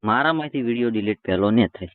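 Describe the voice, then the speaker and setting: Expressive and fast-talking, a man with a medium-pitched voice argues heatedly on a call, stubborn, confrontational and casual in his speech. He's a roast video creator, heard in a dry but tinny phone-line recording.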